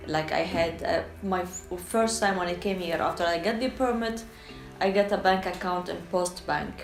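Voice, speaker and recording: A Syrian woman, a freelance translator with an Arabic accent, gives a frank, informal documentary interview in a lowish voice at a moderate pace. She frequently hesitates while hunting for words in her second language, and the sound is roomy with faint background music.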